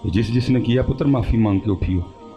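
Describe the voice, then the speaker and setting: Impassioned Punjabi-accented male preacher. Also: dark tone. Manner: impassioned, swings high when acting out dialogue, storytelling. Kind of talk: Urdu and Punjabi sermon. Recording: dull lo-fi with faint music.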